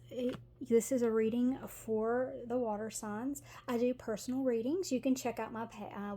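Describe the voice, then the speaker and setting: With a Tennessee Southern accent, a middle-aged woman reads tarot casually to camera, giggling and using lots of fillers. Her voice is mellow and sits on the high side.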